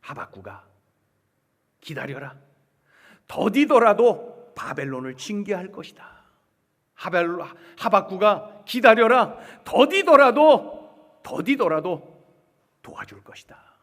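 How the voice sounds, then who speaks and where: Man playing God, solemn, commanding, slow, high voice, long church reverb. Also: big pitch swings, fairly bright tone, full character voice.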